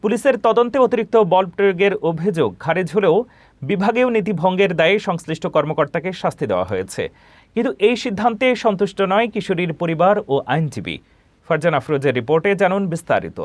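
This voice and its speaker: Fast, animated male news presenter. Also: high voice, dry recording. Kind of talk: scripted news headline introduction.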